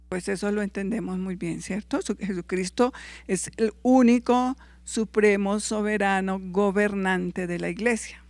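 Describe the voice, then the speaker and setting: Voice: medium pitch, no room sound. A Bible teacher giving a class, reading verses aloud, fixing misread references and checking in with listeners. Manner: reads scripture aloud and corrects its own verse references; checks in with listeners with short tag questions.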